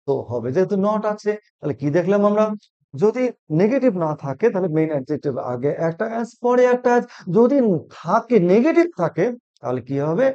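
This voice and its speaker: A man walks through a grammar lesson, explaining each step and answering his own questions. His voice sits high but has a mellow, darker tone. The recording sounds dull and muffled, like lo-fi audio. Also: big pitch swings, normal speed. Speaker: English grammar teacher.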